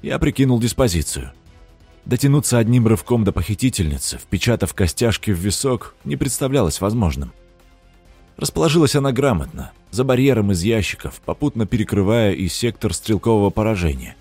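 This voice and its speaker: A man's voice: fairly low pitch, big pitch swings, a little fast, a little mellow, husky, faint music behind. A man narrating an audiobook in the first person, wry and dramatic.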